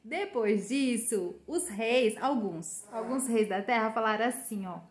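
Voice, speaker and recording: Brazilian woman, informal prophetic preacher, chatty, slightly high voice. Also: unhurried, reverberant. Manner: chatty, keeps adding "né?", often laughs. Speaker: religious preacher. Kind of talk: informal prophetic sermon to online followers.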